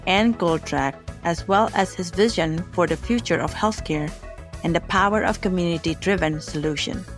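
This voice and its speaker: A woman hosting a podcast, reading a formal guest introduction and then opening the conversation in a friendly way. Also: on the low side. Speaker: podcast host. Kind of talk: scripted introduction and interview.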